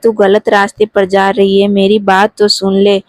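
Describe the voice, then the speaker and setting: A woman's voice: mid-range voice, monotone, normal speed, darkish tone, no room sound, natural voice. A woman voicing a weary mother who pleads with her daughter to accept things, in a spoken story. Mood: pleading resigned. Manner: pleading, resigned.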